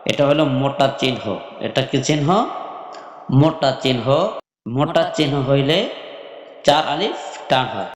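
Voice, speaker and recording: A man teaching how to spell out and pronounce a verse of scripture, slowly repeating each syllable and drilling it for his students. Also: medium pitch. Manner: patient, repeats each syllable, drills it, then asks and answers his own questions. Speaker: Quran recitation teacher. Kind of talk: slow spelling lesson with chanted recitation. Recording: echoey room with long reverb.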